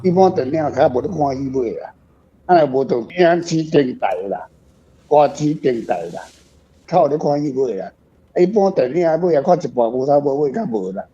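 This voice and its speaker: The guest author, an older Taiwanese-accented man, reflects on his book over the radio in a loose, candid, self-mocking ramble. A fairly high, mellow voice with a breathy edge and lively intonation moves at a moderate pace; the lo-fi audio sounds dull.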